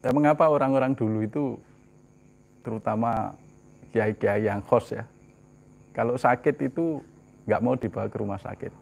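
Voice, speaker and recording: Emphatic preacher. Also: male voice, moderate pace, creaky, long pauses, slight background noise. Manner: rhetorical questions answered himself, mixing in Javanese phrases; swings from loud emphatic lines to soft low asides. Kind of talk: sermon.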